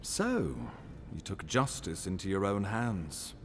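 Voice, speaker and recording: A man's voice: on the low side, wildly swooping pitch, slow pace, a little hiss or hum, exaggerated voice. A man playing a courtly, scheming ambassador in a fantasy video game, speaking formally and theatrically. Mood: approving, sly.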